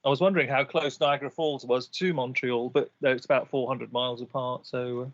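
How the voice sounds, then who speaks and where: A man's voice: mid-range voice, steady tone, brisk, a bit bright, no room sound, muffled recording. A man giving live game commentary, chatty and analytical as he breaks down each move.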